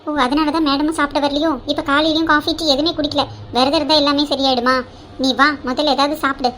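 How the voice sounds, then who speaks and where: A woman voicing a bossy elder sister-in-law in a cartoon drama, brisk and teasing, with a scheming side. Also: high-pitched, little pitch movement, fairly bright tone, slight background noise.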